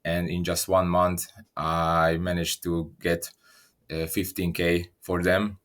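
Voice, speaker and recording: Speaking deep and steady, this guest—a Hungarian-speaking man from Slovakia in his twenties—answers interview questions in a measured way. He chooses his words carefully, repeating some as he thinks.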